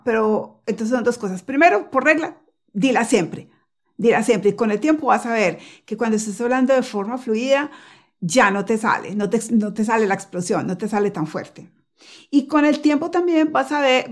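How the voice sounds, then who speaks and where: A woman teaching English pronunciation to camera in a casual lesson, repeating example phrases slowly and patiently and reassuring the learner. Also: fairly high pitch. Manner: reassuring and encouraging.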